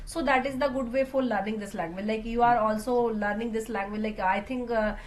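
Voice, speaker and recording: A woman's voice: fairly high pitch, fairly even intonation, fairly quick, rough recording. A woman with an Indian English accent hosting a conversation, speaking hesitantly with many fillers and calling her guest sir. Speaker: host, English learning channel. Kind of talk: casual conversation.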